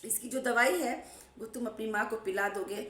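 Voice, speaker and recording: A woman playing a tired old father in a folk story, speaking calmly and confidingly to his grown children. Her voice stays close to her own, a little high, with a strong echo from the room. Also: moderate pace, lightly acted. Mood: weary. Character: old father, weary and scheming.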